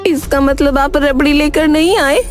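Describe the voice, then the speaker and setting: A nagging young village wife in a cartoon, played by a woman with a high, sharp voice. She scolds and gives orders. Loud cartoon music runs behind her. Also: steady tone, normal speed, lightly acted. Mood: scolding. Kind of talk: Hindi cartoon dubbing. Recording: background music under voice.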